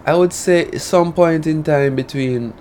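A man's voice: a little high, measured pace, darkish tone, a little hiss or hum. A man with a Jamaican accent and a rural drawl, a Patois speaker talking casually as an artist being interviewed. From rural Jamaica (Saint Elizabeth). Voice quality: country drawl.

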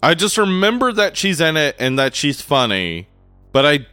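A man co-hosting a podcast, chatting casually with an animated, enthusiastic manner and frequent laughter. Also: a little high, normal speed, clean tone, no room sound. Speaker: podcast co-host.

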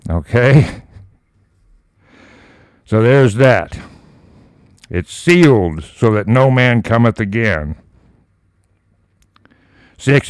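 A man's voice: mid-range voice, smooth, dry recording, clean studio sound. A man reading scripture aloud and breaking off into fiery, mocking preaching commentary. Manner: slow measured reading, then fiery mocking rebukes. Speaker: Bible reader and commentator.

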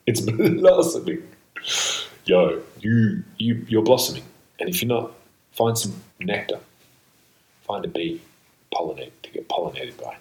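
Man, very low voice, laptop-mic recording, roomy echo, playful rambling podcast talk, whispered asides. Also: darkish tone. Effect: recorded through a built-in laptop mic instead of a proper microphone. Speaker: podcast host. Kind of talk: rambling solo podcast monologue.

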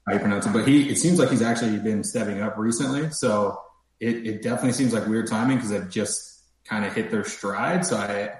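Lowish guy guesting on a podcast, lots of um and like, voice bouncing around a really echoey room. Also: fairly quick, darkish tone. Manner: hesitant, filler-heavy, thinks aloud. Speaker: guest analyst. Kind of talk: casual podcast chat.

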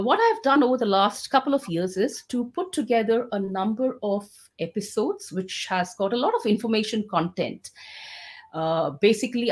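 A woman hosting an online Q&A session as a podcast host, speaking in formal, measured phrases with frequent pauses. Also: medium pitch.

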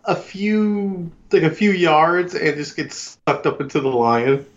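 A man's voice: fairly high pitch, animated, unhurried. A man co-hosting a podcast with casual, informal, joking reactions. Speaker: podcast co-host. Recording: slightly dull, lo-fi sound.

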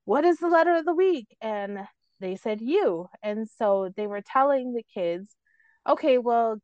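A woman with a high voice chats as a guest, telling a story and acting out each quoted line. The recording is dry and a little dull. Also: dry recording. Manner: animated, acts out quotes. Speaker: guest, psychiatric nurse practitioner. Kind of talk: casual storytelling chat.

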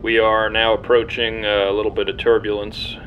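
An airline captain, played by a man speaks over the cabin intercom, low and very flat. He sounds measured and official. The voice seems far off behind a loud, steady rumble. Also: phone-quality sound. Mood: calm, official. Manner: formal, measured announcer delivery with fillers. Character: adult male airline captain making a cabin announcement. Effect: over the intercom, like a plane's cabin announcement.

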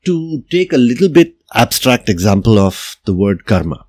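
Mid-range and sing-song, this podcast host's darkish voice moves at a normal speed with no echo. The middle-aged man runs his show solo, reflecting conversationally on ideas and frequently adding "right?" and "you know."

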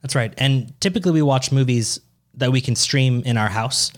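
A man in his twenties co-hosting a podcast, teasing and laughing often, his voice jumping high when excited. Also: moderate pace. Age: 20s. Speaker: podcast co-host. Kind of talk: casual podcast banter.

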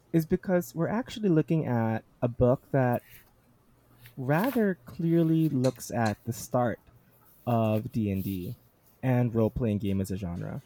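A man's voice: medium pitch, dark tone, no room sound. A man hosting a book discussion, articulate and enthusiastic, who also reads passages aloud.

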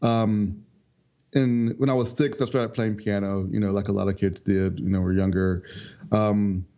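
Young musician guy, lowish mellow voice, laid back and rambly, kinda muffled audio. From North Carolina. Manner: relaxed, rambling, with many ums and quick laughs. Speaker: interview guest, multi-instrument musician. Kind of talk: casual interview chat. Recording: dull lo-fi audio.

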